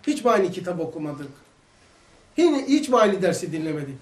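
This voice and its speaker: A high-voiced man with a Turkish accent giving a religious lesson, lively and full of rhetorical questions. He is recorded from some distance away in an echoey hall. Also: fairly quick. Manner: animated, acts out quoted voices, rhetorical questions. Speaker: religious teacher.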